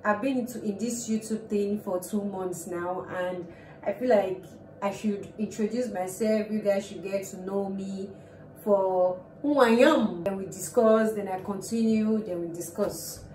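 A young woman with a Nigerian English accent talks to her vlog camera in a loose, rambling, self-mocking way. Her voice is mellow and sits back from the mic in a roomy space with a faint hiss behind it. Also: mid-range voice, steady tone, measured pace. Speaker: vlogger. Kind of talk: casual vlog chat to camera. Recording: roomy, distant sound with faint noise.

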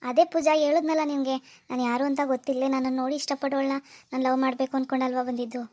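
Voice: high-pitched, level tone, very fast, a little mellow, no echo, close to an everyday voice. A performer playing a young rich man's son who hid his wealth, coaxing and pleading with his fiancée on the phone. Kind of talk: amateur phone-call drama.

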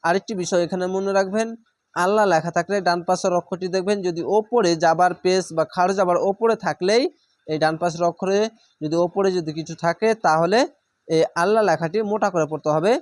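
A man's voice: high-pitched, fairly even intonation, a little fast, dry recording. A man teaching Quran reading, spelling each letter and vowel aloud before blending the syllables, with patient repetition.

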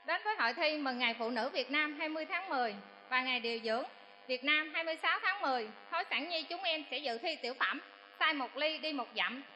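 A woman's voice: high voice, animated, fast, bright, forceful tone, a little hiss or hum, poor audio. A woman formally announcing a stage skit at a hospital contest, in a ceremonious address.

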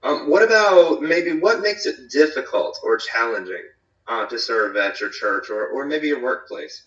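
A man's voice: mid-range voice, expressive, a little slow, a bit bright. Man leading a group on a video call. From eastern North Carolina. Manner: friendly, rambling with many fillers and restarts. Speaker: small group leader. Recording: echoey, distant, dull video call audio.

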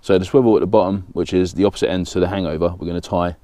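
A man's voice: low-pitched, fairly even intonation, racing, mellow. A man in his thirties from England with a southern English accent, hosting a fishing channel and explaining a rig step by step in a plain, practical way while working with his hands. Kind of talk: step-by-step tutorial. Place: small indoor studio with banner backdrop.

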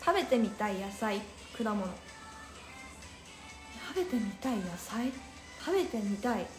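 A young woman hosts an Instagram live from her phone, chatting casually, reading viewers' comments aloud and laughing often. Her voice is a little high and animated, a bit slow, and sounds roomy over music.

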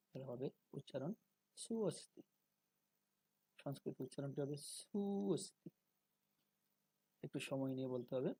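A man giving a spoken lesson on pronunciation, slow and deliberate, drawing out syllables to demonstrate them. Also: medium pitch, warm tone, husky, dry recording, low-quality recording. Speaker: religious teacher.

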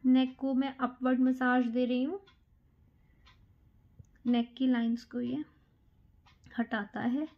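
Beautician woman, slow calm instructor, slightly high voice, dull lo-fi salon recording. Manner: calm, counts strokes aloud while working. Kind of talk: step-by-step facial massage instruction. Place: salon treatment room.

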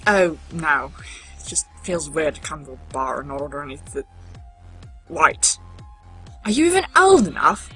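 A woman's voice: deep voice, very animated, a little slow, pauses often, fairly bright tone, soft background music, heavily acted. Woman voicing Conrad, a flustered young vampire. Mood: awkward. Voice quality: breathy. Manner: flustered, awkward. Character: Conrad, anxious young man turned vampire. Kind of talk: fan audio drama.

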